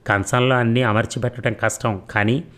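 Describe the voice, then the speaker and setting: A man's voice: lowish voice, moderate pace, close to an everyday voice. A man reading a novel aloud, voicing an ailing, exasperated mother who scolds her daughter. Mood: scolding. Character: stern ailing middle-aged mother, scolding.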